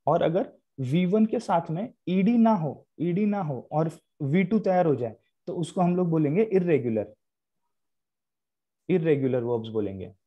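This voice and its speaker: A man's voice: a little high, expressive, measured pace, muffled recording. A young man teaching English grammar in a live online class, explaining in Hindi with English terms and repeating key points.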